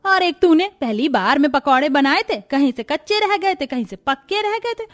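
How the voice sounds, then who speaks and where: Woman doing a high bossy greedy old granny. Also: animated, moderate pace. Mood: taunting. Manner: commanding, scolding. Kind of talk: animated story voice acting.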